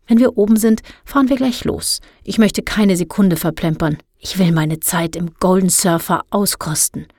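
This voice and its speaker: A woman voicing an eager, warm-hearted teenage girl in an audiobook, quick to defend others. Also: on the low side, fairly even intonation, husky, dry recording, studio quality. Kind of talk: audiobook character voice.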